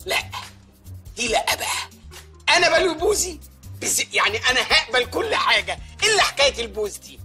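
An actor playing a joking, jobless husband in a film comedy, with an Egyptian Arabic accent and a playful, mock-apologetic way of talking. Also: male voice, very high voice, big pitch swings, a little fast, vocal fry, over music, heavily acted.

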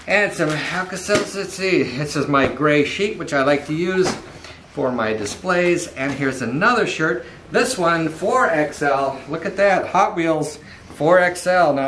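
A middle-aged man who collects and deals toy cars chats through a casual unboxing vlog in his living room, upbeat and enthusiastic with salesy asides. His voice sits slightly high and a bit bright. The room sounds roomy and echoey, with a faint hiss of background noise.

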